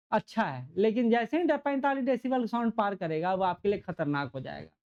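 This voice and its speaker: A man's voice: extremely high pitch, dull audio. A man teaching an exam-prep lecture, repeating key points and checking understanding with rhetorical questions. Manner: gets louder and softer to demonstrate sound.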